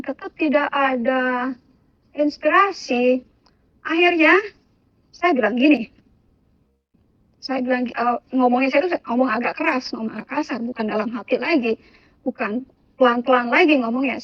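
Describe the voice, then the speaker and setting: A woman recounts her personal testimony in a frank, conversational way, with hesitations and bursts of casual slang. Her voice sits high. The recording is dull and lo-fi, with a dry, close sound. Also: moderate pace, pauses often, no room sound. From Jakarta. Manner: candid storytelling with fillers, slipping into casual slang when reenacting. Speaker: testimony speaker.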